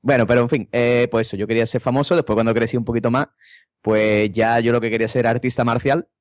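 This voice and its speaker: Male co-host, mid pitch, lively storyteller, dry close mic. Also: fast, no echo. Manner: lively storyteller, repeats words. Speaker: podcast co-host. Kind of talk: casual anecdote-telling chat.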